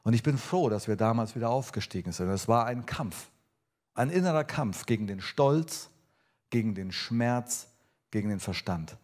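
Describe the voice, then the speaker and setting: Man, pastor, sermon, earnest, direct address, emphatic then quiet. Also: lowish voice, animated, normal speed.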